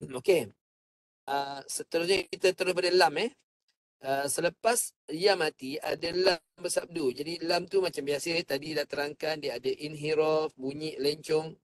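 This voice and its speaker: A man teaching Quran recitation. He explains each point calmly and sings the verses in a drawn-out chant for students to copy. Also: fairly high pitch, slight background noise. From Malaysia. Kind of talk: slow patient recitation lesson. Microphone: online class microphone.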